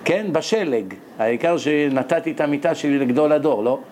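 Lively high-voiced man preaching. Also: slight background noise. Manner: acts out characters in high excited voices, laughs often. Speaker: rabbi giving a Torah lecture. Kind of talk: lively sermon with storytelling.

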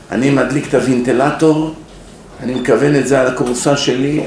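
A rabbi giving a sermon at a yeshiva, telling stories, acting out the people in them and putting questions to his listeners. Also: medium pitch. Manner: storytelling with acted-out quotes, asks the audience questions. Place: yeshiva hall. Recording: echoey room with faint noise.

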